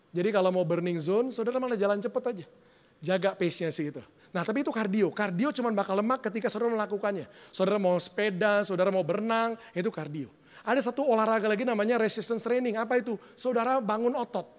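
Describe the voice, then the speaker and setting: A male pastor preaching a sermon in an animated way, slipping English words into his talk and acting out the voices he quotes. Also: high-pitched, in a large hall.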